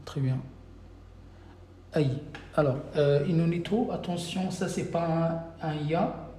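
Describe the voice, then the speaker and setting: An Arabic teacher with a fairly high, dark-toned voice takes his time during a live-stream lesson, patiently reading viewer names and correcting them one by one. He records on a phone in an echoey room with faint background noise.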